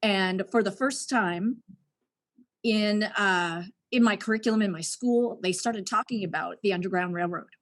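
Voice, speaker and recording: A woman's voice: mid-range voice, moderate pace. Frank Canadian woman recounting her story. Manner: reflective, frank, laughs now and then. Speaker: podcast guest, educator. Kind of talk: candid personal storytelling.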